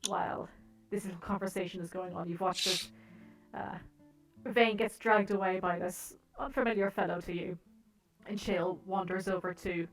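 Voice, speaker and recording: A woman's voice: on the low side, fairly even intonation, moderate pace, recorded from a distance, faint music behind, low-quality recording. Chatty woman running a tabletop game. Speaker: game master.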